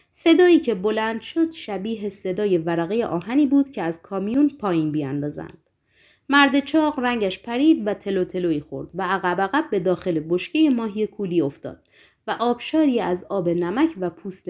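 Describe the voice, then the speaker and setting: A woman reading a novel aloud as narrator, measured and expressive. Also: mid-range voice. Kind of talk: audiobook narration.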